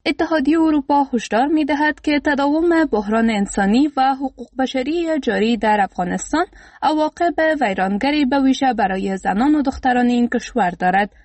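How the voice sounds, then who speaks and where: Female reporter, high voice, dry close mic, even formal read. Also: no room sound. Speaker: radio reporter. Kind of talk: scripted news report. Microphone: dry studio mic.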